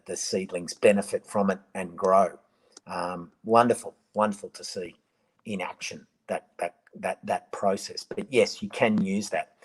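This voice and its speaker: A man talks in a fairly low voice, speaking casually into a live-stream microphone. He rambles and restarts often, with plenty of ums as he answers viewers one by one. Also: slightly rough, poor audio. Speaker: gardening presenter answering viewer questions.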